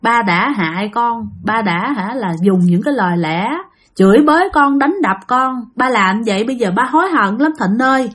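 A woman's voice: fairly high pitch, normal speed, a bit bright. A woman voicing a grieving middle-aged father who sobs out an apology to his dead son. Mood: guilt-stricken. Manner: sobbing apology.

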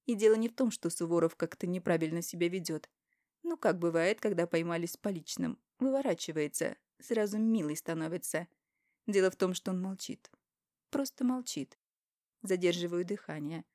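A woman's voice: lowish voice, normal speed, mellow, no echo, studio quality. A woman narrating an audiobook in the first person, with an emotional, confessional reading.

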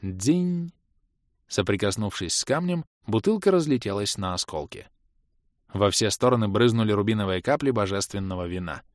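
A man's voice: on the low side, expressive, fairly quick, no echo, clean studio sound. A man narrating a first-person fantasy audiobook.

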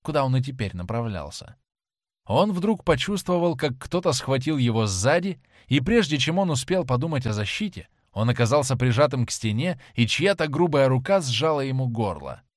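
A male narrator reads a classic novel with dramatic, expressive delivery. His pitch rises and falls in wide, lively arcs. The recording is dry, with the mic close. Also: moderate pace, no room sound. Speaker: audiobook narrator. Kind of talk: scripted narration.

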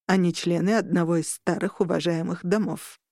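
A scheming male vampire lord pushes his case hard and shouts back when crossed, as a woman reading a story voices him. The recording is dry and close. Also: lowish voice, fairly even intonation, normal speed, dry recording, lightly acted. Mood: insistent. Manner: insistent, shouting.

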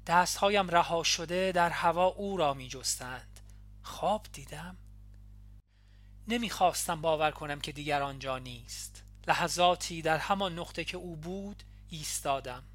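Woman narrating an audiobook in calm tones. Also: sits low. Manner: calm, measured first-person storytelling. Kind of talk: audiobook reading.

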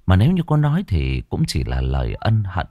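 A man's voice: low-pitched, huge pitch swings, fairly quick, no room sound, highs cut off. A man narrating a ghost story in a dramatic, scripted storytelling way. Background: faint music.

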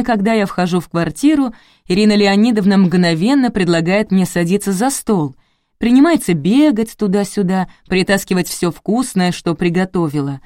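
A woman narrating a first-person audiobook in a lively, ironic storytelling manner. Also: medium pitch, no room sound, clean studio sound.

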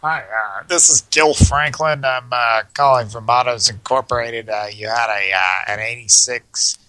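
A man's voice: mid-range voice, pushed and bright, no echo, voice pushed up, rough recording. A man playing a hesitant male auto shop worker who stalls on uh fillers during a prank call. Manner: halting, full of uh fillers. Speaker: prank caller.

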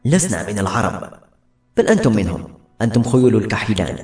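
A man voicing a proud, defiant male Arabian warhorse in a lowered, cold, dismissive voice. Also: very animated, fast talker, a little mellow. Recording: echoey room with music.

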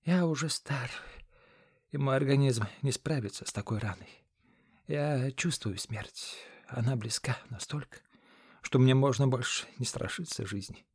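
A man voicing a loyal older male cart driver in a fantasy audiobook, speaking with plain steady confidence. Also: medium pitch, measured pace, breathy edge, no room sound, clean studio sound. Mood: weak. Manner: confident, then faint and weak.

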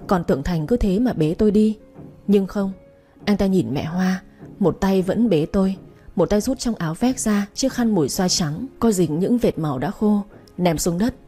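A woman's voice: lowish voice, dark tone. A woman reading a first-person story aloud, narrating steadily and expressively. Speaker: audiobook narrator.

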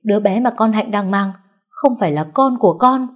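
A woman's voice: fairly quick, close to an everyday voice. Woman doing a screaming cruel mother-in-law. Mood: furious. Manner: shrill insulting shouting.

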